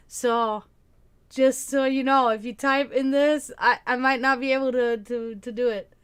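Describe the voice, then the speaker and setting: This livestream host is a tired woman with a Serbian accent and a high-sitting, clear, resonant voice with fairly even intonation. Chatting casually with stream viewers, she rambles and falters, restarting often and using plenty of fillers.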